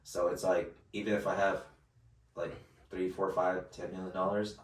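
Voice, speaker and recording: A man in his late twenties talks in a low, deep register with a roomy, echoing sound. He rambles through his points with many restarts and fillers, heard from a mic set back from him. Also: flat delivery, moderate pace, far from the mic. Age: late 20s. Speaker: podcast co-host. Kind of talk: casual chat.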